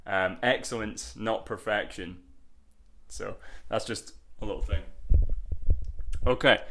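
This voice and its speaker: Man, low voice, casual vlog, rambling, lots of filler words, tag questions. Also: fairly even intonation, slow pace, gravelly, bright, forceful tone, a little hiss or hum. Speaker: songwriter sharing album progress.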